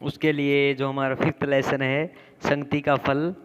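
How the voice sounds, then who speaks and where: A man teaching a class lesson to young children, reading the story aloud slowly and deliberately. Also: mid-range voice, level tone, smooth. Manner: slow, deliberate storybook reading with frequent "theek hai bachchon". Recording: echoey room with faint background noise.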